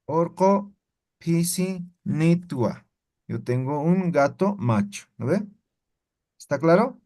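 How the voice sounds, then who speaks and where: With a slightly high, somewhat mellow voice, a male language teacher explains things patiently one step at a time. Again and again he checks on his students, tagging his points with "¿no ve?".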